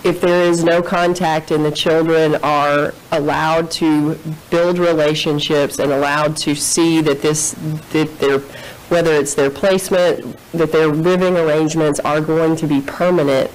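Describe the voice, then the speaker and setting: A woman's voice: low voice, steady tone, unhurried, poor audio. A woman in her thirties giving formal, careful testimony from a courtroom witness stand into a desk microphone.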